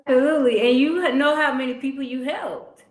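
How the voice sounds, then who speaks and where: A woman hosting a podcast, telling personal stories in a lively, conversational way with frequent restarts. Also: high-pitched, brisk. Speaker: podcast host. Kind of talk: casual conversational interview. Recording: roomy echo.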